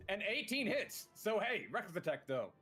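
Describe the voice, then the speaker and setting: Lively swearing man running the game. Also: high-pitched, moderate pace, soft background music. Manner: animated, swears freely, narrates combat. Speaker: dungeon master. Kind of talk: running a tabletop game, casual.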